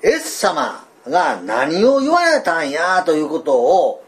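An older man with a Kansai accent, preaching a sermon in a folksy, animated way, full of fillers and asides. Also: on the high side, measured pace. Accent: Kansai (Osaka dialect). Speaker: pastor.

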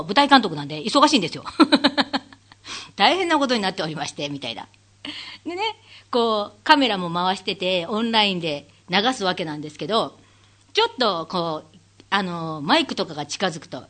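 A woman hosting her own talk show, chatting alone and acting out what people said with big jumps in her voice, laughing often. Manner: animated storyteller who acts out quotes with big pitch leaps; laughs often while talking. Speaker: radio show host; stage manager. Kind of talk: casual solo talk-show monologue.

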